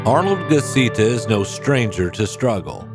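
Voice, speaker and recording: A man giving a scripted narration introducing the guest in a dramatic, measured way. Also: lowish voice, very animated. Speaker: podcast narrator. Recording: loud music bed.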